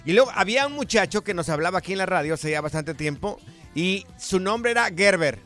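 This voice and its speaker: A man hosts a casual radio show in a high, bright voice, telling anecdotes and putting on the voices of the people he quotes. Music plays faintly underneath. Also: lively intonation, brisk. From Mexico. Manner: storytelling, acts out quoted voices.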